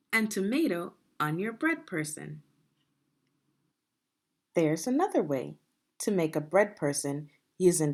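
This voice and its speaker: Playing a teacher of young children, this woman reads aloud with a lowish, gravelly voice. She takes her time explaining and pauses to ask questions that check understanding.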